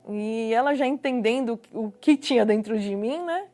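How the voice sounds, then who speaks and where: A woman's voice: on the high side, animated, normal speed, mellow. A woman from Brazil with a Brazilian Portuguese accent, telling her personal testimony earnestly and repeating words for emphasis. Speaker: guest giving a personal testimony.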